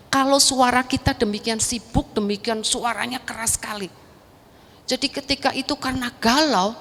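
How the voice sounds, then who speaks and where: A woman's voice: on the high side, a bit bright. Middle-aged woman giving testimony, hall reverb. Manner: earnest, emotional, chatty with restarts. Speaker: guest speaker at a church prayer meeting. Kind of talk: personal faith testimony talk. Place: large church hall.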